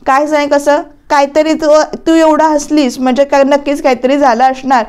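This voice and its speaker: A woman's voice: high voice, flat delivery, moderate pace, darkish tone, close to an everyday voice. A woman voicing a stern, easily irritated young husband in a serial recap, reading his lines in a scolding tone. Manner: scolding, grumbling.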